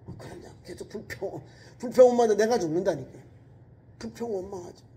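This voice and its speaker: High, dark-voiced preaching man. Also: brisk. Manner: emphatic preaching with repeated exhortations; swings between raised urgent lines and low quiet asides. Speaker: pastor. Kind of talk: sermon at a midweek prayer service.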